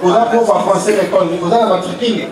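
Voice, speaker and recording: A man fires off short questions as interrogator at a public hearing, his voice high and his pace quick. The sound is very echoey and picked up from a distance, with a loud crowd behind him. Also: fairly even intonation. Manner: brisk, clipped questions. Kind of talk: rapid-fire questioning. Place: public gathering.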